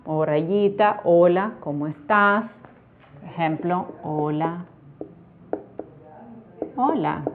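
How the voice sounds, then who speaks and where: Female teacher, patient step-by-step lesson, mid pitch, narrow phone-like audio. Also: slight background noise. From Nicaragua. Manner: slow, careful explanation with spoken examples. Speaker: Spanish teacher. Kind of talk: online grammar lesson. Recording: tinny phone-like sound.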